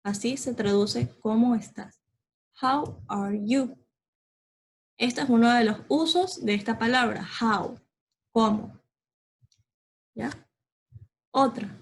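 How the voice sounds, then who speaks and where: A woman teacher with a husky, slightly breathy voice and a fairly high pitch. She talks very slowly and patiently as she explains a lesson, checking in often with her students. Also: rough recording. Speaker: English teacher. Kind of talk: slow explanatory online lesson.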